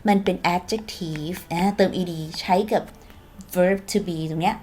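A woman's voice: fairly low pitch, slow, a little mellow, a little hiss or hum. A woman with a Thai accent, a native Thai speaker, teaching English phrases in a chatty, playful video lesson and acting out sample dialogues.

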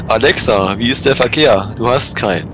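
A man's voice: medium pitch, normal speed, background noise. A young man in casual chat with gaming friends, telling jokes. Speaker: friend in an online game group. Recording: loud music behind the voice.

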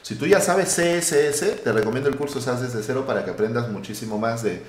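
Lively man teaching code live, roomy sound. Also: mid-range voice, fairly quick. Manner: lively, thinks aloud while typing code. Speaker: web development instructor. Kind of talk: live coding tutorial. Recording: roomy echo.

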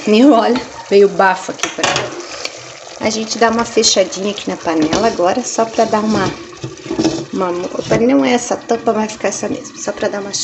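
A woman in her forties chatting casually through a home cooking vlog, recorded by a camera across her kitchen. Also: mid-range voice. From Brazil. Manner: chatty, keeps saying "gente" and "ó". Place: home kitchen with tiled walls. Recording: echoey kitchen with cooking noise.

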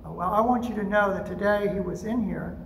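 An older man preaching a storytelling sermon from a pulpit microphone in a church sanctuary, unhurried and gentle, with frequent pauses. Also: high-pitched, creaky, slight background noise. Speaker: pastor. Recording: echoey sanctuary with faint ambience.

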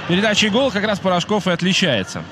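A man's voice: high-pitched, very animated, fast, over music. A man doing live play-by-play commentary on an ice hockey game.

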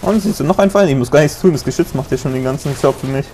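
A young man casually commenting on his gameplay, chatting, joking and yelling at the game now and then. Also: a little high, racing. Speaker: let's play gamer.

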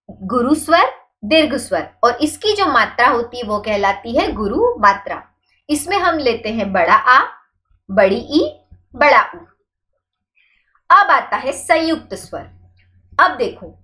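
High-voiced woman teaching exam grammar. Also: fairly bright tone. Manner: asks questions and answers them herself; repeats key points for memorizing. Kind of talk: exam-prep grammar lecture.

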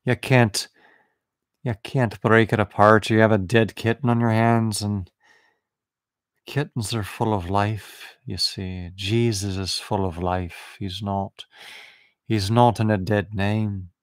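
A man's voice: on the low side, steady tone, no room sound, clean studio sound. A man giving a meditative spiritual talk, repeating short affirming phrases over and over. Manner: slow, repetitive, affirming phrases. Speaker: spiritual teacher.

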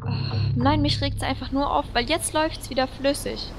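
Brief: higher female gamer with vocal fry, grumbling, music under. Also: fairly even intonation, moderate pace. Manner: annoyed, complaining. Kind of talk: casual gameplay chat.

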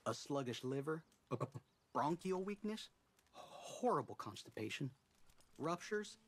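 An actor playing a nervous, self-pitying, sickly crook in a video game, with a heavy stammer and halting, fussy delivery. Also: male voice, on the high side, sing-song. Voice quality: stammering, husky voice. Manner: fussy, halting listing of his ailments. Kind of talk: video game character acting.

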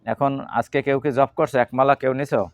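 A man's voice: medium pitch, steady tone, clean tone, dry recording, lo-fi sound. Male religious teacher, question and answer. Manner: asks the class questions and answers them himself; leads slow chanting. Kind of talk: Gita lecture to a class.

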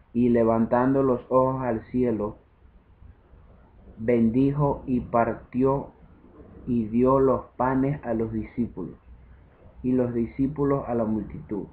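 A man reading a Bible chapter aloud, slow and measured, calling out verse numbers. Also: medium pitch. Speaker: scripture reader. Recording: tinny phone-like sound.

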